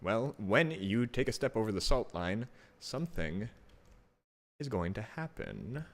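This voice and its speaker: Low-voiced man as game master. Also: big pitch swings, measured pace. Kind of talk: narrating a tabletop roleplaying game.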